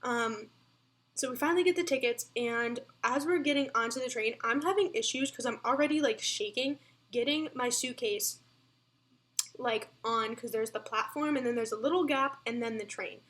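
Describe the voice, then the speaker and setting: A woman's voice: on the high side, moderate pace, fairly bright tone. A young woman telling a storytime vlog, chatty and breathless, full of fillers. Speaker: vlogger.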